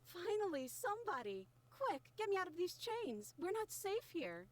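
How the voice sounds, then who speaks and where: A woman's voice: very high-pitched, sing-song, normal speed. A woman playing a captive cartoon princess in a video game, pleading sweetly with a grating, menacing edge. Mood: urgent. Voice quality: edgy, grating under the sweetness.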